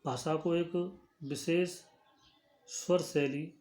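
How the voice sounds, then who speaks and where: A man teaching a class, explaining slowly and deliberately with pauses, in a classroom lecture. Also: a little high, steady tone, darkish tone.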